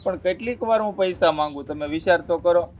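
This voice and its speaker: A man's voice: high-pitched, fairly quick, darkish tone, highs cut off, natural voice. A man playing a poor, self-pitying man who begs relatives for money in a rural family drama. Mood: pleading. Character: poor, pleading middle-aged man.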